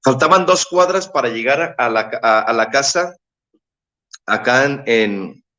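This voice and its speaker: Middle-aged man, Mexican accent, earnest halting testimony, repeats himself, pitch lifts with feeling. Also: sharp tone, muffled recording. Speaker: bereaved father telling his testimony. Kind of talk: emotional personal testimony in an interview.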